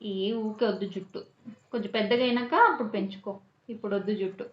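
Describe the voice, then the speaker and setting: A woman's voice: mid-range voice, fairly even intonation, fast. A mother, coaxing and teasing her toddler in sing-song questions. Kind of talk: playful chat with a small child. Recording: muffled echoey home room.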